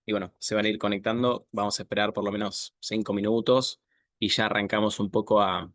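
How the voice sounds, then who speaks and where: A man in his thirties with an Argentine accent speaks in a low, unhurried voice, filling his pauses with soft hesitations. The sound is dry and close, as on a video call. He talks casually, like a guest starting an online class. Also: no room sound. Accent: Argentine Spanish. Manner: relaxed, many filler "eh" pauses. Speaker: guest speaker, software architect.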